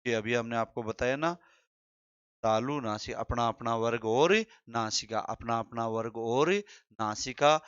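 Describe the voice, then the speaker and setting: A man's voice: mid-range voice, a bit bright, clear, resonant tone, dry recording. A man teaching a Hindi grammar lesson, repeating key terms and quizzing his listeners. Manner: drawn-out, deliberate delivery. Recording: slightly dull, dry sound.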